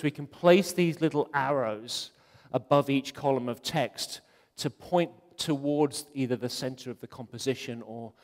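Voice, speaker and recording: A man's voice: medium pitch, darkish tone. A man giving a conference talk, chatty and joking, with many ums. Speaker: conference speaker. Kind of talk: conference talk on web design. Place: conference hall. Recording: long hall reverb.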